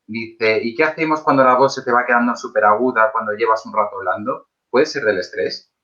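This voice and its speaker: A man hosting a live video interview as actor and trainer, speaking in a measured, articulate way and reading out viewer comments. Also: medium pitch, sharp tone, muffled recording.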